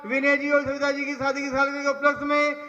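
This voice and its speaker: A man's voice: extremely high pitch, completely flat delivery, fast, pushed and bright. A man announcing at a temple ritual, rattling off a long list of donor names and blessings. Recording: echoey temple hall, dull lo-fi sound.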